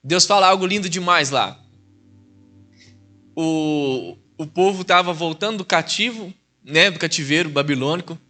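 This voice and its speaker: A man preaches a church sermon in a Mineiro Brazilian accent, with a fairly high, bright voice. He is a deacon, and he talks to the congregation in a conversational way, calling them brothers. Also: moderate pace, faint music behind. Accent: Mineiro Brazilian Portuguese. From Minas Gerais, Brazil.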